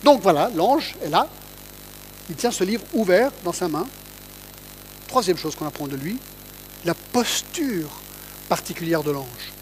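Guy with a high voice explaining bible verses, chatty, keeps asking if you follow. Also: very animated, unhurried, long pauses, slight background noise, poor audio. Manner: asks listeners to check in, reads scripture aloud. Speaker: Bible teacher. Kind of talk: conversational Bible teaching.

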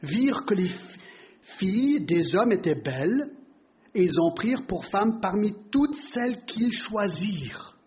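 High-voiced man teaching the Bible. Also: big pitch swings, a little slow. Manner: explanatory, asks the listeners rhetorical questions. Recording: dull lo-fi recording.

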